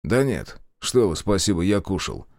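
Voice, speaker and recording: A man's voice: deep voice, big pitch swings, moderate pace, dry recording. A man voicing a weary male officer with a dry, understated, wry way of talking.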